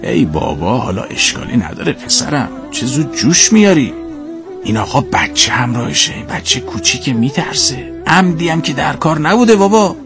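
A man voicing a kind elderly male passenger who gently and fatherly tries to calm things down, in a soft, raised voice. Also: on the high side, gravelly, over music, pitched above the performer's own voice. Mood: gentle pleading. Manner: soothing, fatherly, pleading.

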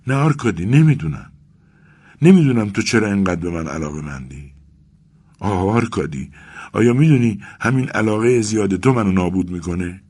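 A man's voice: lowish voice, expressive, darkish tone, husky, pitched above the performer's own voice. A man voicing an anxious, tearful young clerk who pleads breathlessly in a raised voice.

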